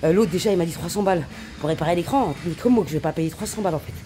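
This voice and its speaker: A woman's voice: fairly low pitch, rapid-fire, mellow. A young woman vlogging at home in a slangy, ranting, swearing style, sick with a cough. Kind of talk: casual chat to camera. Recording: noisy with clicking sounds.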